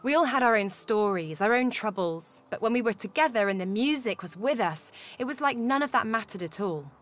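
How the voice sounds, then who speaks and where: A woman's voice: a little high, lively intonation, a little fast, close to an everyday voice. A woman playing a wry, easygoing musician companion in a video game, talking in a casual, reflective way. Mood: warm, nostalgic. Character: wry, easygoing female musician haunted by inner spirits.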